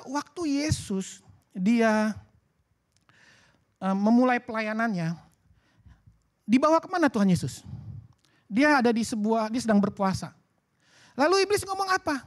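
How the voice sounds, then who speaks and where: A man preaching a sermon at a church service, in a lively, colloquial way that acts out bits of dialogue. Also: very high-pitched. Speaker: pastor.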